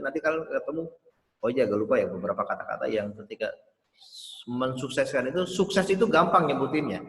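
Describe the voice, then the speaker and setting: A man with a mid-range, slightly bright voice gives a casual webinar talk on emcee skills. He rambles a bit and sounds out tricky words aloud as pronunciation examples. The room is roomy, with a long reverb tail.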